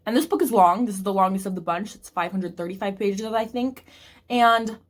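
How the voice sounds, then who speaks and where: A woman's voice: mid-range voice, fairly quick. A woman book vlogger chatting casually to camera and thinking aloud with restarts, eating snacks between sentences. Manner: eating snacks while talking.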